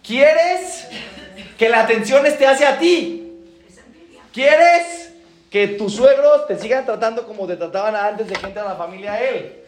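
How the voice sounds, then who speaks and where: A man's voice: very high voice, measured pace, soft background music. A man, a rabbi giving a Torah class, acting out stories and repeating phrases for emphasis. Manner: animated, acts out dialogues, repeats phrases for emphasis. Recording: roomy echo.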